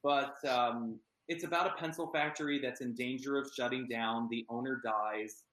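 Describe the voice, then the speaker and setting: A man's voice: mid-range voice, fairly even intonation, moderate pace, fairly bright tone, reverberant, rough recording. A man from Pennsylvania talking as an actor in an interview, earnest and chatty with many ums. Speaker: actor and guest. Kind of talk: casual interview chat.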